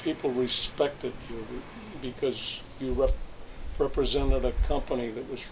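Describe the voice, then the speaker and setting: A man's voice: mid-range voice, steady tone, unhurried, background noise. An older man in an oral history interview, recalling his working years in a rambling way with many restarts. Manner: rambling, reminiscing with frequent restarts. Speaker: interviewee, retired salesman.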